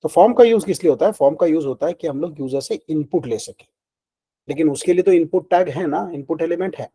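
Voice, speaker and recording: A man's voice: a little high, fast talker, dark tone, slightly rough, rough recording. A man teaching web development in a conversational way, asking questions and then answering them himself, with frequent check-in words. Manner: mixes Hindi and English, asks and answers his own questions; conversational, frequent fillers like "ठीक है" and "ना". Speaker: programming instructor. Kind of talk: screen-recorded coding lesson.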